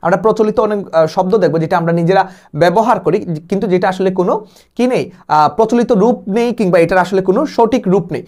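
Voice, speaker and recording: A man's voice: high voice, fast, a little mellow. A young man from Bangladesh giving an exam-prep lecture, explaining step by step and dropping English words in. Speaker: admission test tutor.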